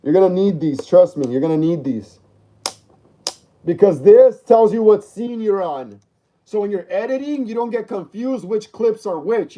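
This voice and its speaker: Reading out comments from his audience, a man in his thirties hosts a relaxed livestream and responds in a repetitive, slangy style, tossing around "bro" and "dog." His voice is fairly high yet mellow, and the recording sounds muffled.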